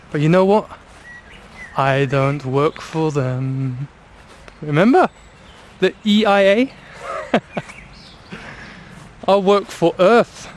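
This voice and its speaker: A man hosting a spiritual vlog, speaking in slow, emphatic, commanding declarations, recorded outdoors in the countryside. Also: high voice, a little hiss or hum. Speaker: channel host.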